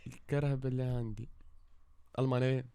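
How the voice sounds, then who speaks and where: A young man with a Tunisian accent bantering and teasing as a contestant in a car guessing game, often repeating his words quickly. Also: mid-range voice, fairly even intonation, warm tone, smooth, no room sound. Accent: Tunisian Arabic.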